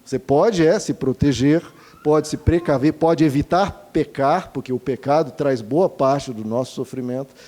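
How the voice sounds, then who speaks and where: Brief: male pastor, fairly high-pitched but mellow, earnest rhetorical sermon delivery. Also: moderate pace. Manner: earnest, rhetorical questions, addresses congregation as dear ones.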